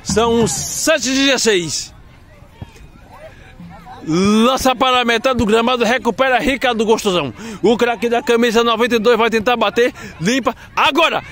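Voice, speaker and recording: A man giving rapid play-by-play commentary on an amateur football match at night, shouting out the goals. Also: extremely high pitch, faint music behind, a faint crowd. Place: outdoor floodlit football pitch at night. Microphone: handheld phone camera.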